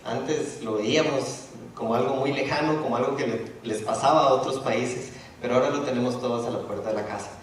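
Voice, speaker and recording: Brisk and with few pauses, a middle-aged Ecuadorian man delivers a talk in a university auditorium in a mid-range voice, though he still hesitates, restarts often and uses fillers. He sits far from the mic in an echoey hall, with slight background noise.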